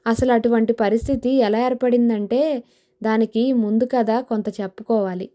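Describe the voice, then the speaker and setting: A woman narrating a novel in a steady storytelling manner. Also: a little high, moderate pace. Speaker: audiobook narrator.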